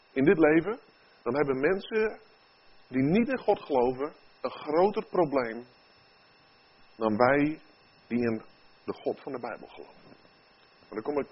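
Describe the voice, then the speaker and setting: A man's voice: fairly high pitch, slightly rough. A man preaching a sermon in an earnest way, his voice rising into emphatic questions. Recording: dull lo-fi recording.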